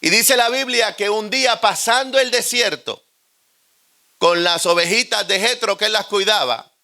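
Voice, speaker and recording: A man with a Puerto Rican accent preaching a humorous storytelling sermon, animated and joking. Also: high-pitched.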